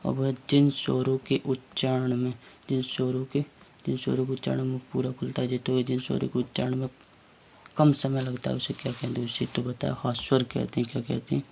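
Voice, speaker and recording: Man, teacher, chatty informal lesson, mellow tone, faint background noise. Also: medium pitch, monotone, brisk, gravelly. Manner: repeats questions and answers them himself; casual and chatty, corrects his own slips.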